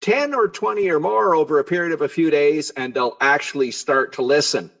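A man's voice: on the high side, fairly quick, vocal fry, fairly bright tone. Urgent middle-aged man, lo-fi audio. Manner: earnest, urgent, repetitive emphatic lists. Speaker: guest. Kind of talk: political interview talk.

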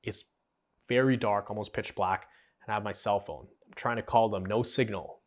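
A man's voice: on the low side, fairly even intonation, normal speed. A young man hosting a podcast, telling his own story in an earnest, conversational way and acting out the dialogue. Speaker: podcast host. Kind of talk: personal storytelling.

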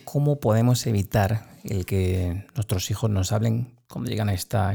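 A man hosting an interview, asking questions in a measured, reflective way. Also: fairly low pitch, vocal fry, dark tone, breathy edge. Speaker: interviewer host.

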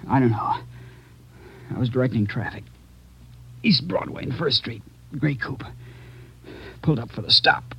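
An American man playing a wounded, dying policeman in an old radio drama, dazed, weak and gasping in halting fragments. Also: medium pitch, breathy edge. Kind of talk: 1950s radio drama acting. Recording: muffled old radio recording.

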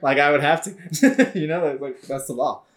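A man's voice: a little high, moderate pace. A man co-hosting a casual podcast, laughing often and swearing freely as he talks. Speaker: podcast co-host. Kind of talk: casual chat.

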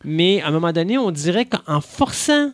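A man from Quebec with a Québécois French accent and a slightly high voice holds forth in a casual podcast chat. Very animated and opinionated, he talks at length at a moderate pace, often restarting his sentences. The recording is dry and close.

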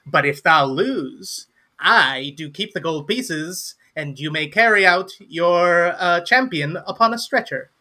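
A man's voice: high-pitched, expressive, slow, bright, forceful tone, pitched above the performer's own voice, full character voice. A man voicing a pompous gnome barkeep who sells his drinks in grand, old-fashioned phrases. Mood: grandiose. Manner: archaic, theatrical, grandiose. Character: pompous male gnome barkeep, showy salesman.

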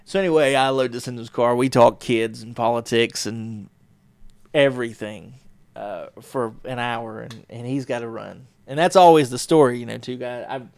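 Gravelly middle-aged man telling a podcast story. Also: medium pitch, moderate pace, dry recording. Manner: rambling, self-correcting, warm storytelling with frequent fillers. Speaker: podcast host. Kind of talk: casual solo podcast storytelling.

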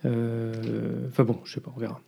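Hesitant, dark-voiced male podcast co-host. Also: medium pitch, monotone, moderate pace, creaky, husky. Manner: hesitant, many filler sounds. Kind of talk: casual news commentary.

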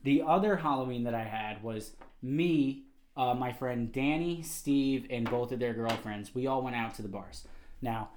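A man's voice: medium pitch, a little slow, a little mellow, echoey room, a little hiss or hum. A man, hosting a casual podcast, bossy and prone to repeating himself. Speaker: podcast host.

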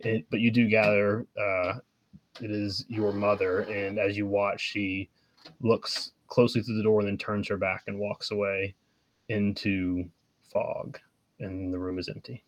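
Low-voiced man running a tabletop game. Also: little pitch movement. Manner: descriptive, halting with fillers. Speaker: game master.

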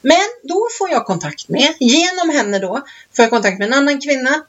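A woman's voice: sits high, lively intonation. A woman co-hosting a podcast in casual chat, rambling through stories and laughing often. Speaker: podcast co-host. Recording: dull lo-fi recording.

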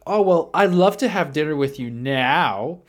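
A snooty young woman, as a man mimics her, dismissive and sharp in her turns, her voice pushed a bit higher than his own. It is a quick, mocking impression. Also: animated. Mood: eager.

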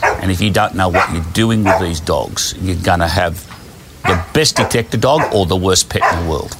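A man's voice: sits low, moderate pace, heavy background noise. A man, a dog trainer explaining his methods in a plain, down-to-earth way while working outdoors. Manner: down-to-earth, storytelling with acted-out quotes.

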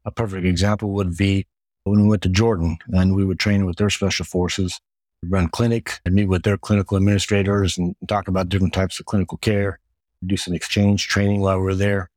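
A retired Air Force medic from the US, Hungarian by first language, gives steady, methodical interview answers in a very deep voice, speaking fairly quickly. His points run into long lists with frequent repeated words. The sound is close and dry, without echo.

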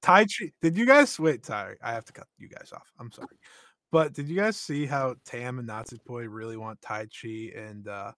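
A man's voice: mid-range voice, normal speed, dry recording, studio quality. A man appearing as a guest on a casual wrestling podcast, chatty and jumping in with enthusiasm.

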